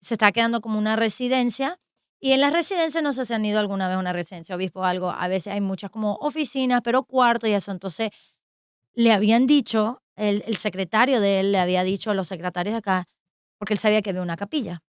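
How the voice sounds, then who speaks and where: A woman co-hosting a casual radio talk, telling stories with lively animation and many fillers. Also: mid-range voice, quick pace, clean tone, no echo, studio quality. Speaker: co-host. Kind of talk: casual radio chat about a saint's life. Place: radio studio.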